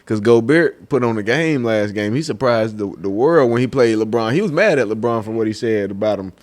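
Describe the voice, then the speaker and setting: A man's voice: fairly low pitch, lively intonation, brisk, a little mellow. A man in a casual sports debate, talking in an informal, slangy and emphatic way. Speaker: sports talk co-host.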